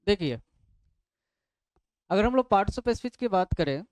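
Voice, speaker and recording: Slowly and in an animated, high-pitched voice, a man gives a classroom lecture on English grammar. He breaks things down step by step, asking questions and answering them himself, in a dry recording.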